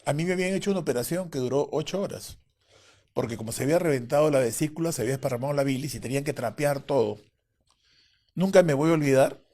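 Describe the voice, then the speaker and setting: A man's voice: on the high side, dark tone. A man as an interview guest, telling a personal story vividly and acting out the voices of others.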